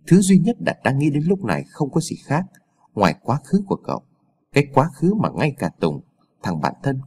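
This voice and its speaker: A man with a husky, breathy voice narrates a scripted horror story. His pitch swings widely as he dramatizes the tense moments. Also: a little mellow.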